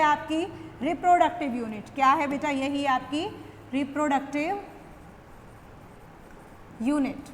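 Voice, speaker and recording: A young woman with an Indian accent teaches a biology lecture in a high voice. She keeps asking questions and answering them herself, often calling her students "beta". The room has a long reverb with a faint hiss underneath. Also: a bit bright. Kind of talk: classroom lecture.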